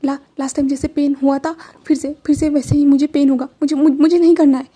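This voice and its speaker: A woman voicing a tearful young man who pleads and stammers, in a higher, louder voice than her own, in a fan-fiction audio story. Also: steady tone, fast, slightly rough. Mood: pleading.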